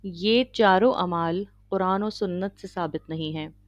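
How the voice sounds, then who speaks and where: A woman giving a religious lecture, teaching in a measured way and checking in with her listeners. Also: lowish voice, dry recording, lo-fi sound. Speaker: Islamic lecturer.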